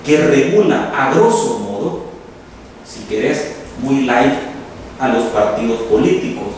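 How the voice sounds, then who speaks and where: A man's voice: medium pitch, a little mellow. Distant professorial Salvadoran man. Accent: Salvadoran Spanish. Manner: measured, professorial, lists points methodically. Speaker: law professor and university official, interview guest. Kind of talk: explanatory interview answers. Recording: echoey room, distant mic, background noise.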